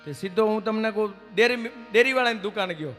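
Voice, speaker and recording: A man telling folk stories and jokes to a live crowd, dropping to hushed asides and then rising into loud, stretched declamation. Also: sits high, lively intonation, fast talker, faint music behind. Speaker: folk stage storyteller. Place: stage at a live temple event. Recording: echoey hall with instruments behind.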